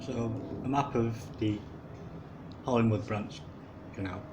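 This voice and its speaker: A man's voice: medium pitch, unhurried, noisy background. A man, giving rambling, casual commentary as he walks along a city canal. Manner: rambling, chuckling asides. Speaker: canal walk video maker.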